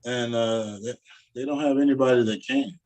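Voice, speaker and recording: A man's voice: mid-range voice, steady tone, normal speed, a little mellow, poor audio. Blunt, cussing middle-aged man. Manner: blunt, profane, easygoing opinions. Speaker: co-host. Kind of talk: casual sports talk.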